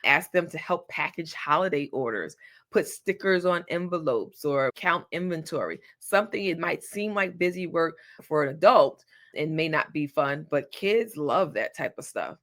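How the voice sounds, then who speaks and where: A woman's voice: low voice, animated, moderate pace, a bit bright. Woman podcast host, solo advice talk, easygoing and encouraging, casual phrasing. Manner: chatty, encouraging, colloquial.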